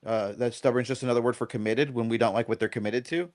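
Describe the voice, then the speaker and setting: This fast-talking, medium-pitched man is a middle-aged dog trainer appearing on a podcast. He rambles casually, keeps asking "right?", and brings his stories to life by performing little quotes.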